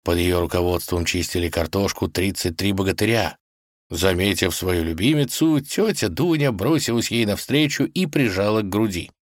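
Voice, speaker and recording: A man reading a fairy tale aloud in an expressive storybook manner. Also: deep voice, normal speed, no echo, clean studio sound. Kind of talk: storybook narration.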